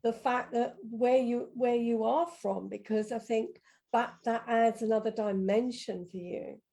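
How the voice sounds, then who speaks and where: A woman's voice: a little high, fairly even intonation, unhurried, creaky, dark tone. A woman hosting a podcast interview, listening attentively and steering the conversation with short remarks. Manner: attentive, steering the talk with brief backchannels. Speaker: podcast host.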